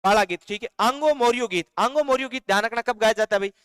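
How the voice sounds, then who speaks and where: Pitching his voice high, a man with a Rajasthani accent teaches a live online class in a smooth, clear, slightly bright tone. He slowly dictates notes, breaks into lines of folk songs and answers chat comments, in a dry, close recording with no room sound.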